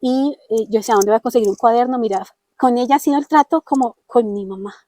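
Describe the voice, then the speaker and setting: A woman's voice: fairly high pitch, fast talker, mellow. A woman with a Colombian accent giving an earnest personal testimony, often acting out the dialogue she quotes. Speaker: interviewee telling her testimony.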